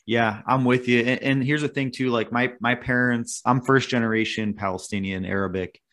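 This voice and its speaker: A man's voice: mid-range voice, steady tone, normal speed, fairly bright tone. Male podcast host, supportive and chatty, mid-range voice. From United States. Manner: affirming, with frequent agreeing interjections. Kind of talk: podcast conversation.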